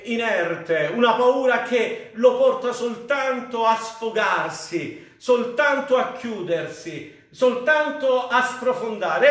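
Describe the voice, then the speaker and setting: A man's voice: extremely high pitch, a bit bright. An Italian man preaching a sermon as pastor, fervent and rising on cries to the Lord. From Italy. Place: church. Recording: very echoey church hall.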